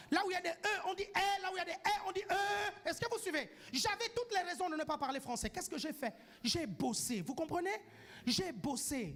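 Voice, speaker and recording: A man delivers a sermon in a strikingly high voice. He presses each point home, keeps asking his listeners whether they follow, and now and then bursts into a shout. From grew up outside France. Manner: emphatic, keeps asking the congregation "do you follow?". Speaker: preacher.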